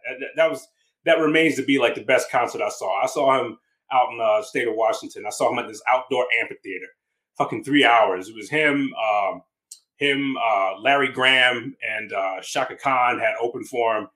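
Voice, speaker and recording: A man in a casual chat, relaxed and reminiscing, with some swearing. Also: medium pitch, moderate pace.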